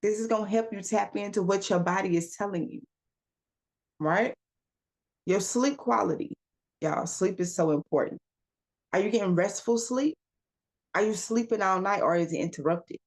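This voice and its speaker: A woman giving a casual self-help talk as a wellness coach, firing off questions and calling listeners y'all and baby. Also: medium pitch. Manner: asks rapid rhetorical questions, calls listeners y'all and baby; emphatic, coaching.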